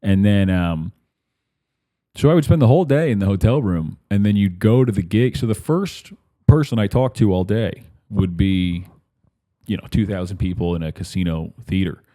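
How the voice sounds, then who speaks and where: A man with a low, warm voice speaks at a moderate pace. He's a comedian and podcast host telling rambling stories in a casual monologue, often stopping mid-sentence and acting out the voices of people he quotes.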